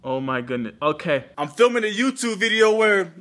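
A man's voice: high voice, very animated, moderate pace, a bit bright. A man in his twenties chatting casually to camera, drunk and getting drunker, rambling loosely in slang. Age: 20s. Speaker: video creator. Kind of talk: casual vlog chat. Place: living room at home, later phone clips.

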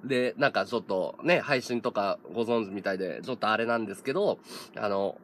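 A man's voice: fairly low pitch, a little fast, a bit bright, a little hiss or hum. A man in his thirties, a streamer, telling a story in casual chat, laughing often and acting out other people's lines. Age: 30s.

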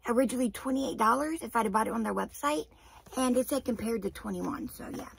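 Young adult female haul vlogger, high voice with gravelly fry, husky, informal and chatty. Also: fast, dry recording. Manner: informal, rambling asides. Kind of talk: casual chatty product haul to camera. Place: attic room at home.

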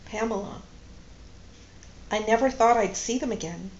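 A woman reading aloud as a composed but grieving woman who speaks quietly and carefully, holding back tears. The storybook voice is slow and measured. The recording is roomy and a little muffled, with faint noise behind it. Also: mid-range voice, close to an everyday voice. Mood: restrained, sorrowful. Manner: quiet, restrained, tearful at times. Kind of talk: audiobook-style read-aloud dialogue.

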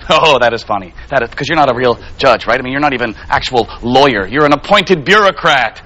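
An actor playing a defiant male defendant who mocks the court in a sarcastic, ranting way that breaks into shouts. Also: mid-range voice, lively intonation, brisk, lo-fi sound. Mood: mocking. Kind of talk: TV drama acting.

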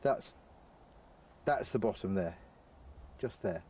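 A middle-aged English man, a wilderness presenter, calmly explaining bushcraft in a snowy forest, enthusiastic about nature. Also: on the low side, slow pace, husky. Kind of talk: documentary narration and outdoor explanation.

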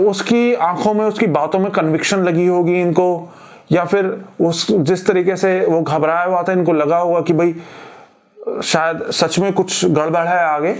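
Chatty high-voiced Indian man telling a horror story. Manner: conversational, thinks aloud with many fillers and restarts. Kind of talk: casual retelling of a listener's story. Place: Delhi.

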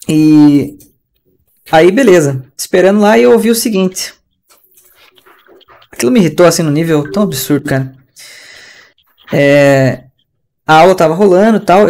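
A man's voice: fairly high pitch, a little mellow. A man with a Brazilian Portuguese accent teaching an online English class in a chatty, slangy, ranting way over a video call.

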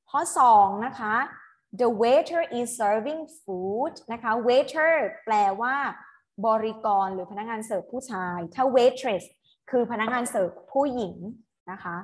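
A woman teacher tutors her class through an English exam online. Her voice sits somewhat high. She is patient and coaxing, reading English phrases aloud slowly and then explaining them.

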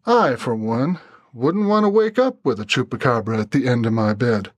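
A man voicing a slight young man with a soft Texan accent who speaks calmly and politely. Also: medium pitch, no echo, lightly acted. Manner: calm, polite, measured.

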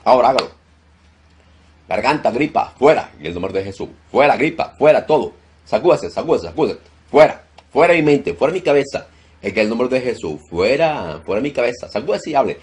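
A male preacher with a husky, slightly worn voice at an ordinary male pitch. He leads a deliverance prayer, repeating short, forceful commands at full volume. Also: sing-song, a little fast. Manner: commanding, shouts rebukes loudly. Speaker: pastor.

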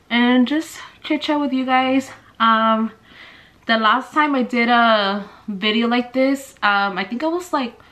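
A woman's voice: fairly high pitch, a bit bright. A woman in her twenties chatting casually through a get-ready-with-me makeup routine, full of "like" and "dude", a little out of breath. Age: 20s. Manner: chatty, filler-heavy with "like" and "dude". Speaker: family vlogger.

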